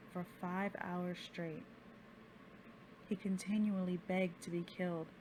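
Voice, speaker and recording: Low-pitched woman narrating horror, noisy backdrop. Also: darkish tone. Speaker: storyteller, host of a horror story channel. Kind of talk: scripted horror story narration. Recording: background noise and ambience.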